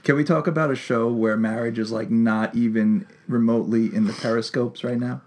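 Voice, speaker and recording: A man's voice: medium pitch, steady tone, fairly quick, a little mellow. Wry, teasing man bantering on a podcast. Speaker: podcast co-host.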